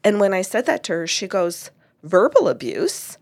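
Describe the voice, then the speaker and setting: A woman's voice: mid-range voice, moderate pace. A woman, a therapist, telling the story of a family session in casual talk and acting out the lines of the people in it. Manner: animated, acts out quoted dialogue.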